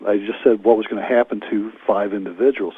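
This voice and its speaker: A man's voice: lowish voice, quick pace, slightly rough, no room sound. Man telling stories over a tinny phone line. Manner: earnest, animated retelling with quoted dialogue. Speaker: radio show guest. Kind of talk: testimony storytelling.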